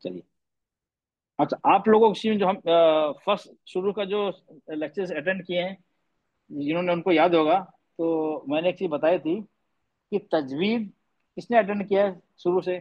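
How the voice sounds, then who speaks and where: Male tajweed teacher, high voice, patient and repetitive, dull lo-fi class audio. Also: moderate pace. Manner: patient, repeats points, quizzes students; mixes English words into speech. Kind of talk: online class lecture. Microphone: online class audio.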